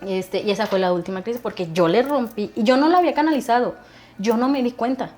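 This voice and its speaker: A woman's voice: fairly high pitch, a crowd in the background. A woman, a guest telling stories about her son in a casual conversation, acting out the dialogue as she goes. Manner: fast animated storytelling, acting out dialogue.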